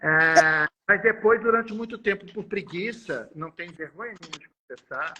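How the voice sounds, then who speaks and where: Bright-voiced Brazilian man, emphatic and chatty. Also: high-pitched, expressive, moderate pace, rough recording. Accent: Brazilian Portuguese. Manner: chatty, emphatic, repeats phrases for effect. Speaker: literature professor. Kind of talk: casual panel talk.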